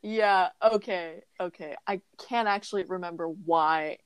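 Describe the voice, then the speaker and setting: A woman's voice: fairly low pitch, measured pace, slight background noise. A woman co-hosting a podcast in casual chat, giggling and gushing with lots of fillers. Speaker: podcast co-host.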